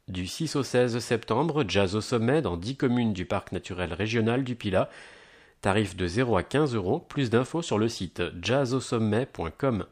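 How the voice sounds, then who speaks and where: A man reading a scripted events listing in an upbeat announcer's manner, stressing the headlines. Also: lowish voice. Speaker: announcer of a local events agenda. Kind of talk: scripted promotional narration.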